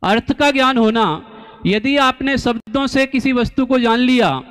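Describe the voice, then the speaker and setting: A man giving a slow, deliberate religious discourse, teaching through rhetorical questions and pauses. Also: very high-pitched, a bit bright, clear, resonant tone. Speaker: Jain scholar and preacher. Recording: long hall reverb.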